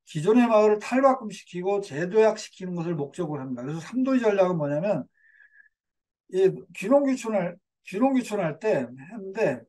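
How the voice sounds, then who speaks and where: A man's voice: high voice, a little mellow. An older man giving a community lecture in a digressive way, with fillers and self-corrections.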